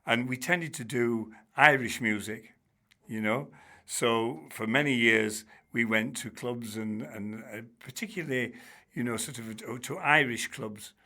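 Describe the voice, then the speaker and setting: A little slow and mid-range in pitch, an older man from Bradford, England, recounts stories as a guest in a relaxed interview. Formerly a teacher and now a charity trustee, he's chatty and warm-humoured, with frequent restarts, asides and "you know"s.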